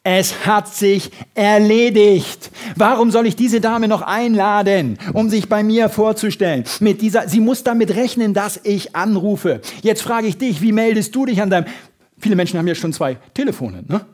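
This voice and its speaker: A man giving a motivational sales seminar, lively and full of emphasis, acting out little everyday scenes. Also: high-pitched, moderate pace. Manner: lively, shifts loud and soft for emphasis, acts out little scenes. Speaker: sales trainer.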